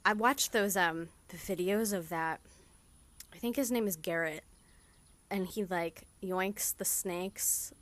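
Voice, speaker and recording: A woman's voice: on the low side, takes it slowly. Soothing woman hosting a meditation podcast. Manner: soft, soothing, gently reassuring. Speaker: podcast host. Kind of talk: guided meditation talk.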